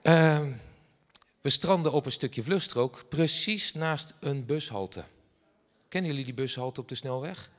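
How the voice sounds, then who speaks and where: A man preaching, telling a personal story in a lively way and acting out the dialogue. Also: fairly high pitch, measured pace. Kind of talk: sermon anecdote. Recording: long hall reverb.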